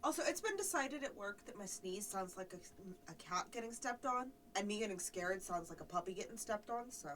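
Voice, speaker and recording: A woman playing a tabletop game who talks in a chatty, lively way and swears casually. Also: medium pitch, brisk, few pauses, far from the mic, background noise. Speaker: player.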